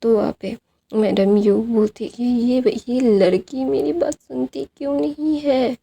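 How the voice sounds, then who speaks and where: A woman's voice: fairly high pitch, measured pace, vocal fry, dark tone, breathy edge. A woman casually retelling a fan story, speaking each character's lines in her own voice and mixing in English phrases. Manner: reads out quoted lines of several characters in her own voice, with fillers.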